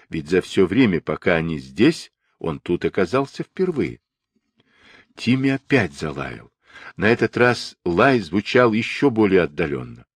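Expressive man reading an audiobook. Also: lowish voice, dry recording. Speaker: audiobook narrator. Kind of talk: audiobook narration.

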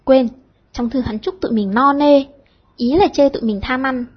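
A woman putting on a cheeky teenage schoolgirl, loud and teasing. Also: high voice, slightly rough, dull audio. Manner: cheeky, quick-tongued, loud.

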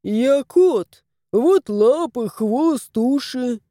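A woman's voice: sits high, lively intonation, very slow, dark tone, no echo, studio quality, heavily acted. A woman voicing a brash male sphynx cat who talks bluntly, mockingly and bossily. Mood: matter-of-fact.

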